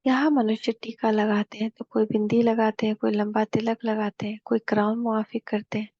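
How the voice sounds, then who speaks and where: Husky-voiced woman teaching a devotional class. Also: a little high, flat delivery, warm tone, no echo. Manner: homely explanatory storytelling, slow emphatic repetitions. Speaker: spiritual teacher. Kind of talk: devotional class explaining scripture. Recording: slightly dull dry recording.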